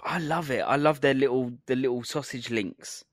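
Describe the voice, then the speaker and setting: A man's voice: mid-range voice, moderate pace, no echo, clean studio sound. A young English man co-hosting a podcast, chatting casually and jokingly about food. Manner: jokey, rambling food talk with laughs. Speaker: podcast co-host. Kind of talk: casual chat.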